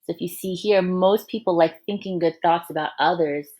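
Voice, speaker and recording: A woman with a fairly low pitch reads a picture book to young kids in an animated, encouraging teacher's manner. She often stops to ask the children questions or add a side remark.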